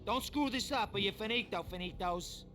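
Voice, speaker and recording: An actor playing a high-strung, emphatic mobster henchman in a theatrical, cartoonish video game style. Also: brisk, bright, forceful tone, soft background music. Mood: agitated. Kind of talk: cartoonish gangster game acting.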